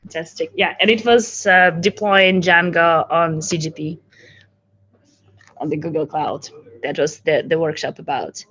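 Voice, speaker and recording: A woman's voice: deep voice, measured pace, a bit bright, highs cut off, a little hiss or hum. A woman hosting a community event, talking loosely with laughs and searching for words. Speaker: event host. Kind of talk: casual hosting.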